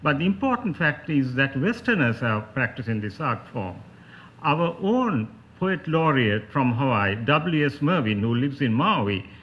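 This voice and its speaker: Low-voiced Sri Lankan man lecturing, dull recording. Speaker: academic panelist giving a talk. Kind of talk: spoken academic lecture.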